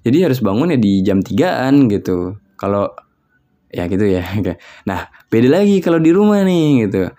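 A young man from West Java talks in a loose, rambling solo chat, thinking aloud and padding his sentences with fillers. His voice sits on the low side, with a dark, mellow tone. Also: very animated, normal speed. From West Java, Indonesia.

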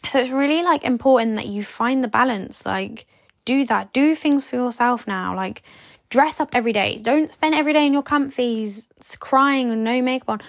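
A young woman hosts a podcast in a casual advice monologue, her voice on the high side at normal speed, recorded clean in a studio with no room sound. Sleepy and yawning, she gives blunt, chatty breakup advice full of "like" and some swearing.

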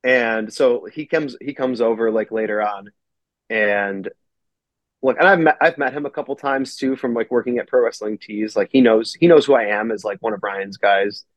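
A man in the guest's chair on a casual podcast, talking about wrestling in loose, rambling bursts that are full of swearing and filler words. His voice sits at an ordinary middle pitch. The recording is close and dry with a slightly dull, muffled top end. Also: normal speed, dry recording. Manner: rambling and profane, heavy on filler "like". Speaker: pro wrestler and company owner, podcast guest.

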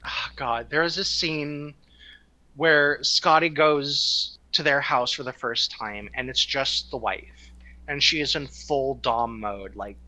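Woman, 30s, podcast co-host and writer; unhurried, bright tone, casual and profane storyteller. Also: extremely low pitch, rough recording. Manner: loose, profane storytelling with many fillers.

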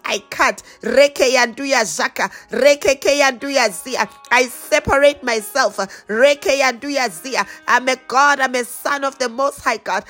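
Woman prayer leader, high voice, fervent slow declarations in tongues over faint music. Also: a bit bright. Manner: slow, rhythmic, repeated declarations.

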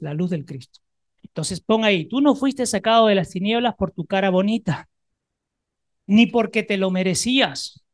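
A woman preaching a sermon to a congregation in a church, emphatic and repeating phrases, moving between soft, close talk and loud rallying. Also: medium pitch, no echo.

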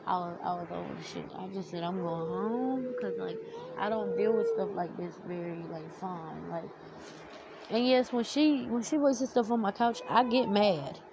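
This storytime rant comes from a young woman vlogger who swears bluntly and often as she vents to camera. She's very animated at a moderate pace, and her medium-pitched voice is slightly nasal, teary-sounding, and has vocal fry. Background noise is noticeable.

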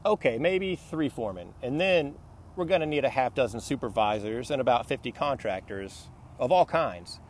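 A man's voice: medium pitch, animated, normal speed, slight background noise, natural voice. A man voicing a businesslike woman executive who counts off needs in a matter-of-fact way.

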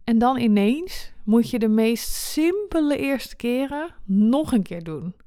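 Candid young woman with a smooth voice. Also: on the high side, expressive, slow pace, warm tone, no echo, studio quality. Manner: candid, frank, swears freely. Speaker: podcast host. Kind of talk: personal monologue podcast.

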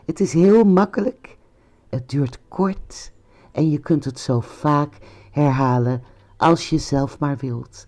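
A meditation guide speaking in a soft, soothing, hushed voice, with long pauses between phrases. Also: mid-range voice.

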